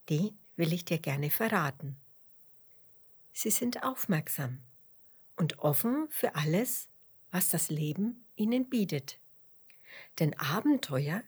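A woman tells a children's bedtime story in a soft, half-whispered voice. She reads slowly with a lively, rising and falling melody. Her tone is breathy and husky. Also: on the low side.

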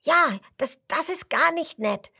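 A woman doing an excitable high Kasper. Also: slow, creaky, heavily acted. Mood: alarmed. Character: excitable boy puppet Kasper, high and jumpy.

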